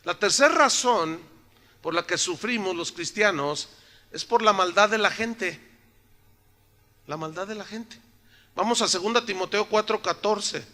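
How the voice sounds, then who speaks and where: Pastor preaching, jokey and conversational with the congregation; high, very bright voice. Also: male voice, moderate pace. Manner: joking, asks the congregation rhetorical questions. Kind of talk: sermon. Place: church, in front of a congregation.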